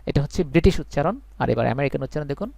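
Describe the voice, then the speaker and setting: Man, fairly high voice, earnest live-class English tutor, reassuring. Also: expressive, rapid-fire, vocal fry, warm tone, dry recording, muffled recording. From Bangladesh. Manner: earnest, reassuring, repeats points for emphasis. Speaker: English teacher.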